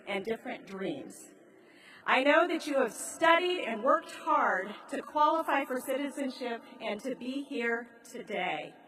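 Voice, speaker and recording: An American woman speaking as a presiding judge, giving a formal, measured ceremonial address. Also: high voice, fairly bright tone. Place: large grand hall in a train station. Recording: echoey large hall, distant mic.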